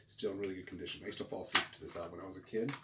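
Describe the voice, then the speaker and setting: This is a man in his forties hosting a record collecting video channel, chatting to camera in a loose, rambling, slang-heavy show-and-tell. His voice is low and fairly even, and he talks rapid-fire. The setting is a small room at home, captured by a distant mic that sounds roomy and picks up clear background noise.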